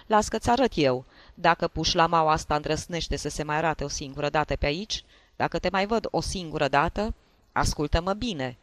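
A man voicing a tipsy, jealous husband who shouts and scolds in an audiobook. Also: on the high side, no room sound. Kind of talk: audiobook character voice.

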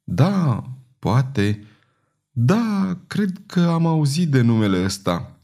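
A man voicing a troubled woman fortune-teller who has lost her memory, speaking in a slow, murmuring, dazed way in an audiobook reading. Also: mid-range voice, sing-song, vocal fry, warm tone, pitched above the performer's own voice. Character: wild-hearted madwoman, a wandering fortune-teller.

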